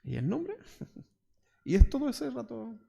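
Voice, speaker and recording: A man's voice: very high voice, wildly swooping pitch, takes it slowly, gravelly, warm tone. A male pastor with a Chilean Spanish accent, giving a conversational sermon full of rhetorical questions and mocking asides. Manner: conversational preaching, rhetorical questions, mock voices.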